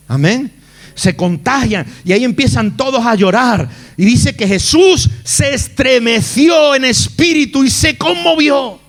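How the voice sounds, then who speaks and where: Male pastor, high voice, dramatic sermon delivery. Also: a bit bright. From Spain. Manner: dramatic, acts out the Bible figures' lines.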